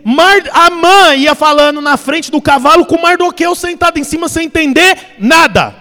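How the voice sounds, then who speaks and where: High-voiced preacher telling a story. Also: male voice, normal speed. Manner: animated, acts out the characters. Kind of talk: sermon storytelling. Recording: long reverb, soft music behind.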